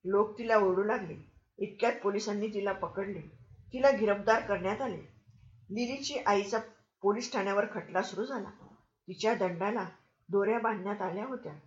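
A woman reading a story aloud as an audiobook narrator, in an expressive and measured way. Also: medium pitch. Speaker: audiobook reader. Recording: roomy, slightly dull recording.

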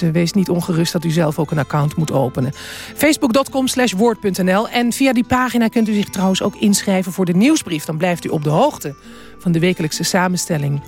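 Wry woman hosting a radio program. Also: medium pitch. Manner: wry, chatty announcing. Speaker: radio host. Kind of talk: radio presenting.

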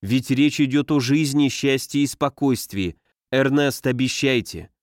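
A man's voice: medium pitch, measured pace, no room sound, clean studio sound, lightly acted. A male reader voicing a frightened young married lady in a read-aloud novel, pleading and agitated.

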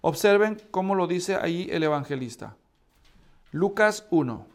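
High-voiced man teaching a Bible class. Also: lively intonation, a little slow. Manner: asks the class questions, checks in with "ok?". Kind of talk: church history class lecture.

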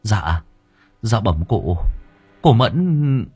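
A man's voice: on the low side, very animated, very slow, a little mellow, husky, soft background music, full character voice. A man voicing a timid male servant who stammers nervously. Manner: hesitant, stammering.

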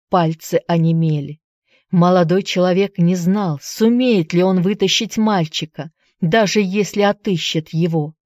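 A woman narrating a storybook at a steady, measured pace. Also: on the low side, dry recording, studio quality. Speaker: audiobook narrator. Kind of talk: scripted narration.

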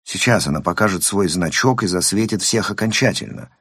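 A man narrating a crime thriller audiobook in a steady, measured reading. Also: low voice, husky, dry recording, clean studio sound.

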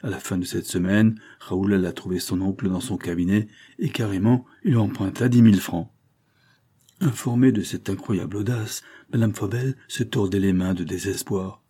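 Low, husky male audiobook narrator. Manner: measured, expressive reading. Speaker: audiobook reader. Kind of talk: scripted narration of a classic novel.

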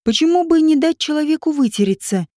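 A woman's voice: sits high, lively intonation, brisk, warm tone, dry recording, clean studio sound, voice pushed up. A woman voicing a stern, decisive woman writer in an audiobook, with a cool, commanding way of talking.

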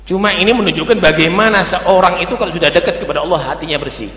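A man preaching a religious sermon, lively with humorous asides in local dialect. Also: sits high, quick pace. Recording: echoey hall with long reverb.

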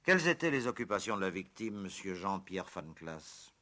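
An actor in an old French radio show playing a stern, impatient police inspector, probing and authoritative. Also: male voice, low voice, sing-song, normal speed, pushed and bright, exaggerated voice. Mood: businesslike.

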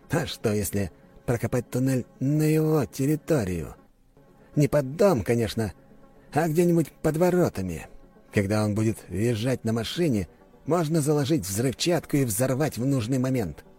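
A scheming duke with a cold, commanding manner, as a male narrator puts him on. He speaks in a voice raised well above the reader's deep narration, a little husky. Soft music plays underneath. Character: scheming, ruthless middle-aged male duke. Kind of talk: audiobook character voice.

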